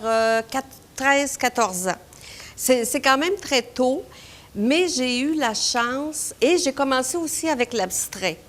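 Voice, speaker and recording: A middle-aged woman from Quebec with a Québécois French accent, a painter talking about her art in an interview, hesitant with many fillers and restarts. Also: on the high side. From Quebec, Canada. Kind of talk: interview, personal recollection.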